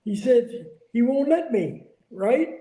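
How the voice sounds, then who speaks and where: A man's voice: very high-pitched, sing-song, slow, dark tone. An older man, a former wrestler, telling stories as an interview guest over a remote group voice call, repeating phrases for emphasis. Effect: heard over a remote group voice call. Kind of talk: casual anecdotal storytelling. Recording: echoey call audio.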